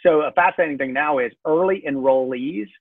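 A man's voice: on the high side, fairly quick, dry recording. A man with a Southern US Georgia accent, a pastor chatting casually and joking as a podcast guest over a video call. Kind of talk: casual chat. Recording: dry tinny call-quality line.

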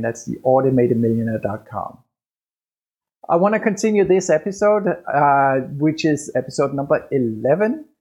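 A man with a noticeable Danish accent talks through his own business podcast, pausing and restarting as he goes. His voice sits at an ordinary pitch and carries a husky, slightly rough edge. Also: muffled recording. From Denmark. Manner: hesitant, with fillers and restarts, conversational. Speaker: podcast host and business coach. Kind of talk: solo podcast monologue.

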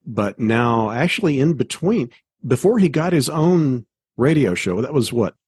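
A man's voice: mid-range voice, very animated, a little slow, a little mellow, breathy edge. A man hosting a casual podcast discussion, prompting his guest and summarizing. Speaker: podcast host.

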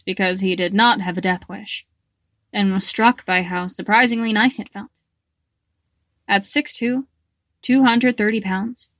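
A woman narrating a fan fiction audiobook with steady, expressive storytelling. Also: mid-range voice, no echo, studio quality.

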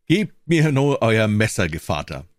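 A man's voice: on the low side, big pitch swings, takes it slowly, no room sound, studio quality. A man voicing a bold, cheeky young soldier who talks back with mockery. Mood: defiant. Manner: defiant, mocking.

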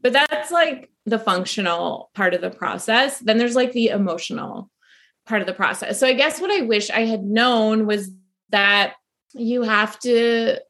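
A woman's voice: on the high side, unhurried, a bit bright. A woman, a guest author, answering in a casual interview chat with lots of "like" and "you know". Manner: chatty, many "like" and "you know" fillers.

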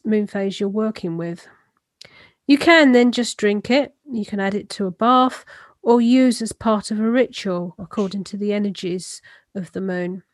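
A woman giving step-by-step explanatory instruction in a calm, matter-of-fact way. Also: mid-range voice, no room sound, studio quality. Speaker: speaker explaining a ritual practice.

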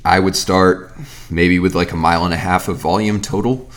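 A man's voice: low voice, steady tone, normal speed, fairly bright tone. A man in his thirties, a fitness coach and podcast host, giving casual, rambling Q&A advice with frequent restarts. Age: 30s.

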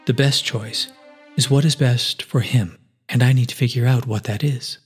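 A wise male guardian speaks in a measured, reassuring tone, as a male narrator puts him on. The pitch sits mid-range, and a faint musical score plays beneath the storybook reading. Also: steady tone, husky, soft background music. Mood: calm.

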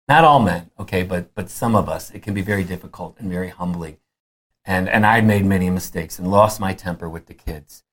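A man in his fifties with a deep, low voice, giving a conference talk about family faith. He speaks earnestly and conversationally, urging his listeners on. The tone is warm and exhorting.

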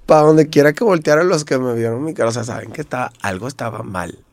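Here the young Mexican rapper talks fast in a mid-range voice, recorded without echo. In a casual interview, he tells the story of a bad night with animation and a Mexican Spanish accent, voicing the things people said.

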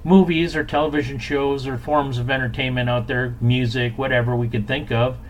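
A man's voice: mid-range voice, steady tone, a little fast, low-quality recording. A man hosting a podcast, chatting casually as a bartender talking shop. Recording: clear background noise.

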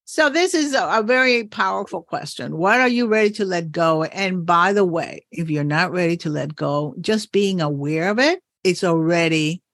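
A woman's voice: on the low side, animated, normal speed, hardly any pauses, fairly bright tone, no room sound, studio quality. A woman hosting a podcast as a coach, talking thoughtfully and encouragingly with frequent laughs. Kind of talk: reflective podcast conversation.

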